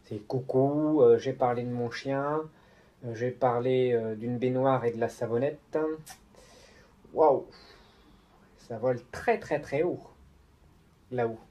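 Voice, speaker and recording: A man's voice: mid-range voice, fairly even intonation, slow, long pauses, mellow, far from the mic, lo-fi sound. Sarcastic man commenting, roomy sound. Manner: sarcastic, mocking. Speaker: commentator on medium clips. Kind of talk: mocking video commentary.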